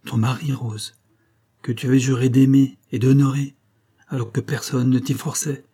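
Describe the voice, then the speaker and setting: A man's voice: medium pitch, little pitch movement, normal speed, mellow, breathy edge, lightly acted. A man reading an audiobook voices a dying old female servant who solemnly reproaches the young woman she raised. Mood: stern.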